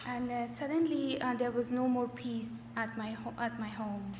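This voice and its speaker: A middle-aged woman from Afghanistan, a church member, gives her testimony in a fairly high, darkish voice with a steady tone. She speaks in short, hesitant phrases broken by frequent pauses. The sound is very echoey, hall-like, with slight noise.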